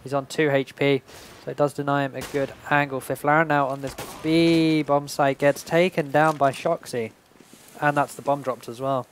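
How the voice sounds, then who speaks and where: Man, esports caster, fairly high voice, clipped play-by-play commentary, game gunfire and noise behind. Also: steady tone, moderate pace. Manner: clipped running descriptions of the action. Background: game gunfire and clicks.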